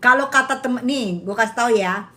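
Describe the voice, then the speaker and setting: Using slangy Jakarta talk, this woman dishes gossip and reacts to her viewers, full of laughter and exclamations. She's a gossip vlogger with a fairly high, fairly bright voice and a fairly quick pace.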